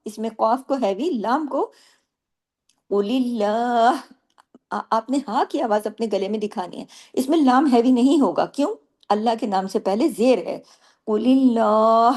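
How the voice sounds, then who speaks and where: A woman with a slightly high voice teaches Quran recitation rules. She explains each point patiently, often asking a question and answering it herself. Between explanations she recites words slowly and draws them out. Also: warm tone. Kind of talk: tajweed lesson with recitation.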